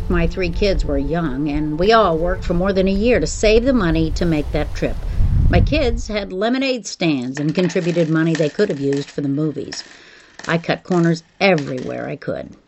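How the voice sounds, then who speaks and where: Lowish-voiced woman storyteller over music. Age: middle-aged. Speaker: podcast host. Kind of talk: scripted personal storytelling.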